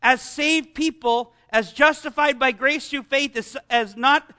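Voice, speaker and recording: Man, preacher, very high voice, chatty sermon, rhetorical questions. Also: measured pace, sharp tone. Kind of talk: conversational sermon.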